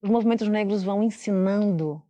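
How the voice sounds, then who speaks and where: Measured woman explaining. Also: medium pitch, dark tone. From Salvador, Bahia, Brazil. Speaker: interview guest, public prosecutor. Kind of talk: studio TV interview. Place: TV studio.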